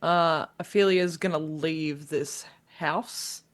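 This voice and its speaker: Lower-voiced woman player, matter-of-fact. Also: steady tone, takes it slowly. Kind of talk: playing a tabletop game.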